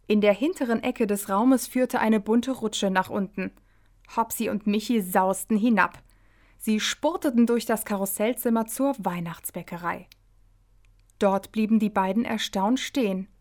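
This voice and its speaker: A woman reading her own children's story aloud on the radio, slow and measured. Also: medium pitch, a little mellow.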